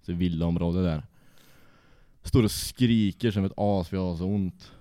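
A man's voice: deep voice, dark tone, clean tone, no room sound, studio quality. A young man casually telling a rowdy anecdote, swearing freely and laughing as he goes. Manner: profane, laughs through his story. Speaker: storyteller.

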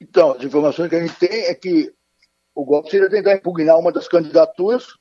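A man's voice: on the high side, a little fast, mellow, no room sound. A man speaking formally as a radio guest over a choppy phone line that keeps breaking up, with frequent hesitations. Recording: muffled dry phone call.

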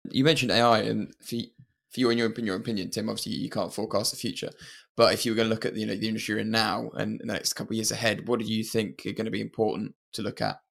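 A man's voice: fairly low pitch, little pitch movement, rapid-fire, creaky, fairly bright tone. A man, interviewing in a loose, conversational way.

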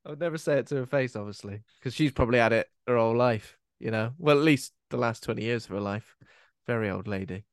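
A man chatting on a podcast, quick to giggle and happy to let his sentences trail off. His voice sits at an ordinary middle pitch and sounds dry and close, with no room around it. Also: dry recording. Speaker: podcast co-host. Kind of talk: casual chat.

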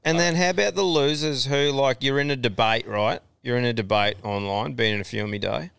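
Australian man, podcast host, smooth mid-range voice, dry studio sound, blokey sweary banter. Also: mid-range voice, fairly quick, fairly bright tone, no echo. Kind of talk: casual chat.

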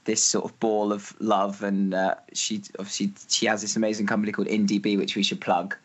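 A man's voice: fairly low pitch, flat delivery, a little fast, lo-fi sound. A man hosting a casual interview, asking friendly questions. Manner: friendly, asks leading questions. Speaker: podcast host.

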